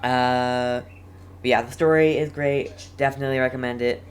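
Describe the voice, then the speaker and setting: This video game streamer keeps a steady tone in a mid-range voice while casually commenting live and chatting with the audience, though the speech is halting and full of repeated words.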